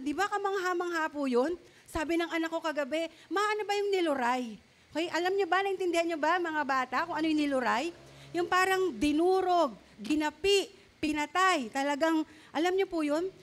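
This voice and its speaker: A middle-aged woman pastor giving an animated sermon, asking the congregation questions and mixing English words into Filipino. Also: very high-pitched, moderate pace.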